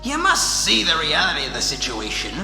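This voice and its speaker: A man's voice: a little high, wildly swooping pitch, brisk, gravelly, heavily acted. A man acting a manic, taunting clown-like villain in an amateur radio drama, theatrical in his delivery. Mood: ranting, manic. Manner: theatrical, swinging between mutters, shouts and cackles. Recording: echoey reverberant drama mix, loud music bed. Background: loud music, rain.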